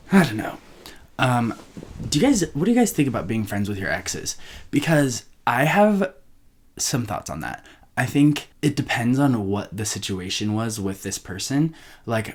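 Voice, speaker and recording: A young man hosting a solo podcast, rambling casually and interrupting himself as he chats. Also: on the low side. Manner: rambling, self-interrupting, chatty. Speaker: podcast host.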